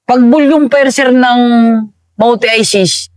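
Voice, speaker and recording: A man, an army veteran, recounting combat in a casual interview, halting and calling the host "sir" again and again. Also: very high voice, no room sound.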